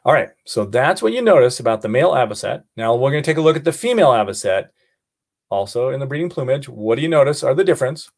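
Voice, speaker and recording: Male naturalist teacher with an American accent, playful and animated, lively in pitch. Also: fast talker. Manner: playful, animated, asks the class questions. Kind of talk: online class lesson.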